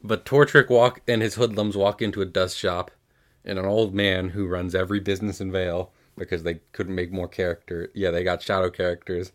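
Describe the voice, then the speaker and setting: A very deep-voiced man chatting casually as co-host of a recap show. He talks loosely, swears freely and drops into quick quoted voices as he retells scenes. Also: little pitch movement. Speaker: podcast co-host.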